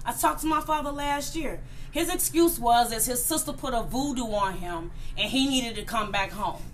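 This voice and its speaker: A woman's voice: fairly high pitch, normal speed, slight background noise. A woman in her late thirties telling a personal story in casual chat, blunt and profane, acting out the voices of people she quotes. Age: 30s.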